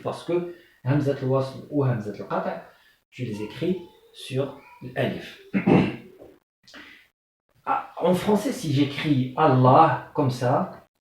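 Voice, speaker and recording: A man's voice: medium pitch, far from the mic. A man teaching the alphabet in French, patiently repeating terms and checking understanding with the class. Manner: patient, repeats terms slowly, frequent "euh" and "d'accord?". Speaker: Arabic teacher. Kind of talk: classroom lesson explaining the alphabet. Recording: very echoey room, voice off-mic.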